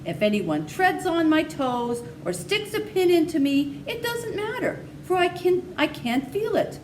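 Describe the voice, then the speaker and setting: Storybook scarecrow played by a woman: male figure, earnest and courteous, high lilting delivery, faint hiss of noise behind. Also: very animated, a little slow, a little mellow, exaggerated voice. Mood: wistful, confiding. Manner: courteous, exclaiming, confiding. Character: friendly brainless stuffed scarecrow, male, politely earnest.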